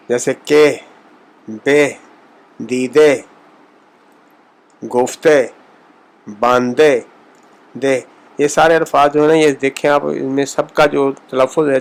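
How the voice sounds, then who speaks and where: A man's voice: mid-range voice, creaky, poor audio. Man teaching pronunciation, repeating example words. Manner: slow, repeats example words to model sounds. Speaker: language teacher. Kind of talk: pronunciation lesson.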